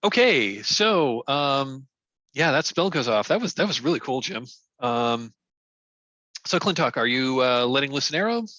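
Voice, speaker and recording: A man running a tabletop game as game master, relaxed and a little hesitant. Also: mid-range voice, measured pace, no echo, lo-fi sound.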